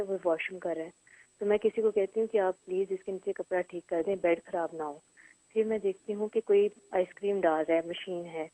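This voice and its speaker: A woman's voice: medium pitch, dark tone, no echo, poor audio. A woman calling a radio show, recounting her dreams in careful detail. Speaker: caller.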